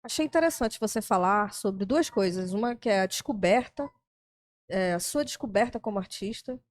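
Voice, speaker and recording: A woman's voice: mid-range voice, expressive, normal speed. Chatty woman hosting an interview. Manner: chatty, seeks agreement with frequent tag questions. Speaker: podcast host. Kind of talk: casual interview.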